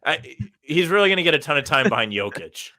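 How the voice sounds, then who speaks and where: Hesitant, bright-voiced podcast co-host. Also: male voice, fairly high pitch, very animated, fast. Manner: hesitant, keeps saying he doesn't know. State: low on energy. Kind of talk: casual live-stream chat.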